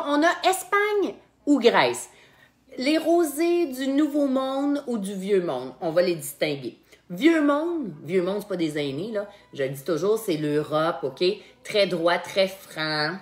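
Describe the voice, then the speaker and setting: A woman with a Québécois French accent and a somewhat low voice hosts a wine tasting game in a casual live chat. She laughs often and repeats words while she thinks.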